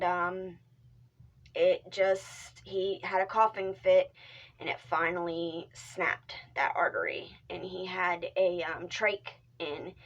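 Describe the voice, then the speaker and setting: A woman's voice: lowish voice, a bit bright, lo-fi sound. A young woman vlogging in casual chat, rambling with many fillers and restarts, speaking candidly and swearing now and then. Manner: drops into whispered asides. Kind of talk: casual talk to camera.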